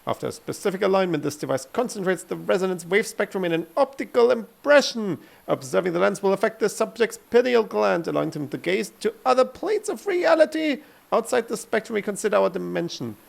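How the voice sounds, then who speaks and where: A man imitating a male 1940s newsreel announcer with a loud, punchy sales-pitch delivery. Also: lively intonation, brisk, gravelly, few pauses, exaggerated voice. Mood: booming pitch. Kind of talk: mock old newsreel announcing.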